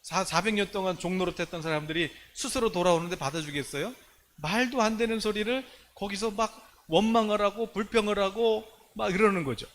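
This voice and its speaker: A man preaching as a pastor, telling the story in an animated way and throwing out rhetorical questions. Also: high voice, brisk, a little hiss or hum. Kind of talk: sermon.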